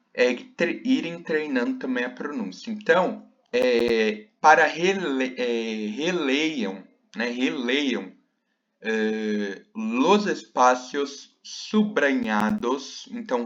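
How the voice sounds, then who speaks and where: Slow, halting male language teacher. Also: medium pitch, fairly bright tone, dull audio. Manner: slow, with many fillers and tag questions. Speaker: Spanish teacher. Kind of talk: recorded slide lesson.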